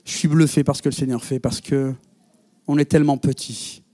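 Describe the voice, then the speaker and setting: A man's voice: mid-range voice, brisk. A male pastor preaching to his congregation, telling a story and acting out the dialogue. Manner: animated storyteller, quotes others in dialogue. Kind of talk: sermon with storytelling. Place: church.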